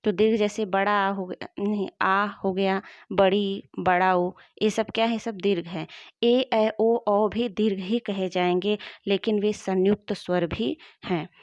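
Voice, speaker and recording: A woman's voice: medium pitch, fairly even intonation, measured pace, dry recording, dull audio. A woman teacher giving a grammar lesson, patient and repetitive, spelling out each point step by step.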